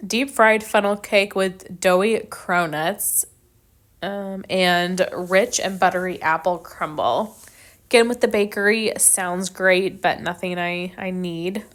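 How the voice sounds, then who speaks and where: Young woman vlogging wax scents, lowish voice, thinks out loud, bit strained from sneezing. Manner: chatty, mulls options aloud, reads scent notes. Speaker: wax melt reviewer. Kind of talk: casual product review vlog.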